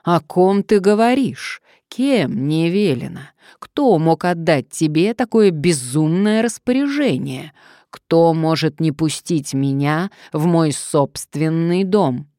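Brief: woman reading a loud, haughty young lord, outraged at being refused. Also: low-pitched, lively intonation, slow, dry recording, studio quality. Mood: indignant. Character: indignant young male aristocrat heir. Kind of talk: audiobook character reading.

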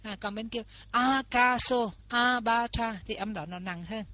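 A woman's voice: fairly high pitch, measured pace, bright, forceful tone. A woman giving a lesson, explaining step by step and repeating example words aloud. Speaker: teacher. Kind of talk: lesson on Pali pronunciation. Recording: dull lo-fi recording.

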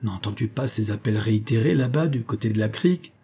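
A man voicing a wary, skeptical Parisian companion, speaking in a husky, mellow voice close to his narrating voice. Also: fairly low pitch, expressive, a little fast.

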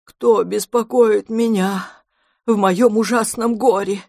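A woman voicing an anxious, dramatic male creature in a storybook reading, drawn-out and lamenting. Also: mid-range voice, a little mellow, dry recording, studio quality, natural voice. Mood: tragic. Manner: slow, wailing lament.

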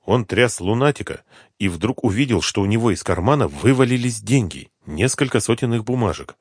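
A man reading a crime novel aloud as an audiobook narrator, in an expressive way. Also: on the low side, a little fast, breathy edge, dry recording, clean studio sound. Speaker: audiobook reader. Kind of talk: scripted narration.

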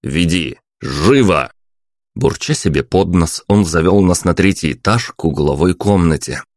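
A male narrator reading a story aloud in a steady, measured way. His voice sits very low and deep, and the recording is close and completely dry with no room sound. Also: dry recording. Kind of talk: audiobook narration.

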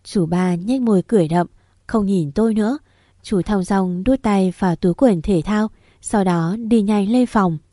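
A woman narrating a first-person story in a steady, even way. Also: medium pitch, moderate pace, dry recording, studio quality.

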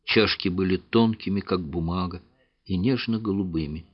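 A man narrating an adventure audiobook in a measured, even reading. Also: deep voice, highs cut off. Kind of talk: scripted narration.

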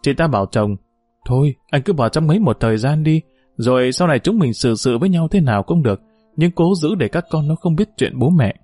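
A man's voice: a little high, animated, brisk, no room sound, soft background music. A man voicing a bold, outspoken young village woman in a story reading, blunt and cheeky. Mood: defiant. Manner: blunt, cheeky, talking loudly.

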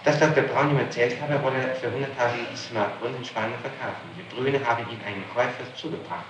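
This noisy, echoey archive tape from a 1960s interrogation captures a man of medium pitch speaking at a quick pace. He plays a public prosecutor, laying out witness testimony methodically and insistently in a reverberant room.

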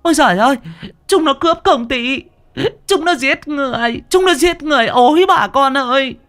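Brief: shrill wailing young woman, put on by a male storyteller, treacherous receptionist in an audio story. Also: normal speed, fairly bright tone. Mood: shrieking. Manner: wailing falsetto accusations.

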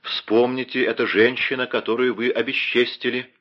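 A man's voice: mid-range voice, level tone, normal speed, dull audio, close to an everyday voice. A man reading an audiobook voices a zealous young officer who solemnly accuses and threatens a duke. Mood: stern, accusing. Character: fanatical young male officer, stern and zealous.

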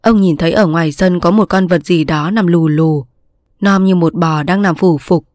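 A woman narrating a story in a steady, measured reading style. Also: fairly low pitch, no room sound, clean studio sound.

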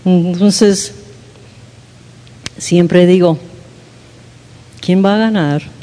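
A woman's voice: fairly low pitch, steady tone, very slow, mellow. A woman giving an informal sermon talk at a women's church gathering, candid and self-mocking, often checking in with her listeners. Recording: long hall reverb.

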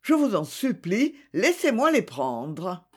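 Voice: medium pitch, wildly swooping pitch, slow pace, slightly rough, full character voice. A reader voicing a young woman pleading with a prosecutor in an audiobook. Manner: imploring, emotional.

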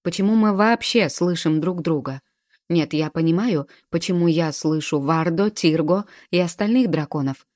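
Stern male commander, barks orders, woman narrator voicing; low, mellow. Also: moderate pace, no room sound, studio quality, natural voice. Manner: barking orders.

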